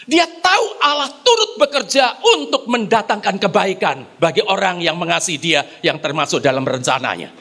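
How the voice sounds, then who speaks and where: A man preaching a sermon in church as pastor, animated and speaking straight to his congregation. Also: sits high, normal speed, few pauses. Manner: animated preaching, often addresses the congregation as "brothers and sisters"; calls the congregation to applaud. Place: church service on site.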